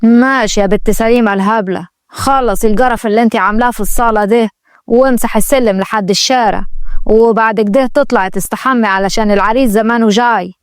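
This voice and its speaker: A woman voicing a greedy, sharp-tongued middle-aged stepmother who scolds and bosses people around. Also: on the high side, fast, clean tone, no room sound, studio quality, natural voice. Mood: scolding. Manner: scolding and bossy.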